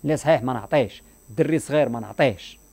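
A man's voice: mid-range voice, rapid-fire, gravelly, a little mellow, breathy edge. A man with a Moroccan accent in impassioned radio talk, emphatic and moralizing, repeating his points. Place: radio studio.

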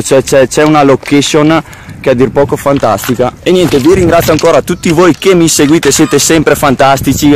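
A man in his twenties talks casually into a phone held at arm's length outdoors. His voice sits a little high. He is enthusiastic and tends to repeat his phrases, as vloggers do. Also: slight background noise. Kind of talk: casual vlog chat. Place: outdoors on a lakeshore.

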